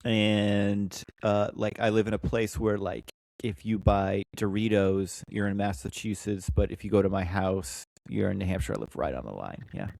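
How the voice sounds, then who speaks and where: A man's voice: lowish voice, moderate pace, vocal fry, hardly any pauses, darkish tone, no room sound. A middle-aged man, a musician guest in a rambling, profane, joking podcast conversation. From Boston area, USA.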